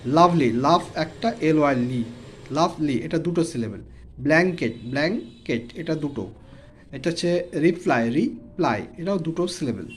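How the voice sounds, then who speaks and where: A man's voice: on the high side, lively intonation, moderate pace, slight background noise. A man with a Bengali accent teaching an online English lesson for children, saying each word, repeating it and translating it.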